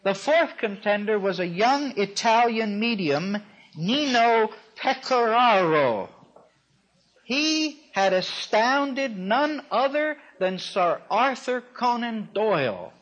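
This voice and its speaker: Wry high-voiced man lecturing slowly. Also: fairly bright tone. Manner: wry, dryly amused storyteller. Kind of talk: storytelling lecture. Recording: dull lo-fi recording.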